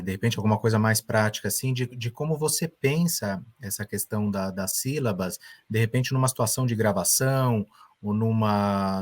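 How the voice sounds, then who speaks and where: A man interviewing a drum teacher, asking a long question with many restarts and fillers. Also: lowish voice. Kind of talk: hesitant questioning. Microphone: video call.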